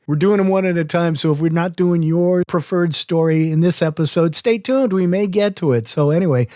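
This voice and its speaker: A male podcast host with a darkish, somewhat high voice chats upbeat about voice and recording in a casual interview. He spells out names slowly, and the recording is clean studio sound with no room echo.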